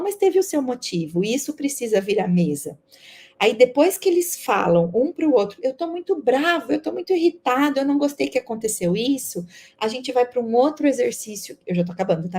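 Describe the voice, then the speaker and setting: A Brazilian woman educator leads a teacher-training talk, explaining her method step by step and acting out classroom exchanges. Her voice sits a little high yet sounds soft and mellow. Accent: Brazilian Portuguese. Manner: explanatory, acts out classroom dialogues.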